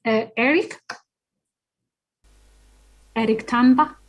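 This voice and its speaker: A woman's voice: fairly high pitch, takes it slowly, poor audio. A woman moderating an online workshop over a video call, polite and hesitant with many fillers.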